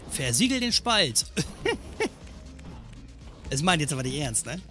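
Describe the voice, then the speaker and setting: A man talks over his gameplay in a let's play, his voice sitting a little high and bouncing all over the place. He jokes along and scolds the game's enemies. Faint music plays underneath. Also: very animated, fairly quick, sharp tone. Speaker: gaming channel host.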